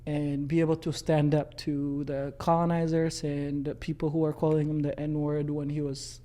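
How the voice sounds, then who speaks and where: A young man from Ethiopia, a podcast guest, calmly telling his story with many pauses and fillers. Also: fairly high pitch. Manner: calm, storytelling with many uhs. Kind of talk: casual interview storytelling.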